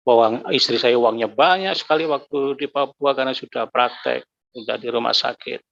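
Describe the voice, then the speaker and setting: A man telling his personal faith testimony, emotional, his voice climbing high when he recalls anger and grief. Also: moderate pace, gravelly, fairly bright tone. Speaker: guest giving a testimony. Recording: dull lo-fi recording.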